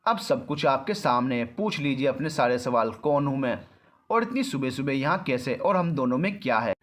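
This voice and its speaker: A man's voice: medium pitch, expressive, normal speed, a bit bright, lightly acted. A man voicing an arrogant, controlling young man in a storybook reading, rude and mocking. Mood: smug. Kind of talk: storybook narration.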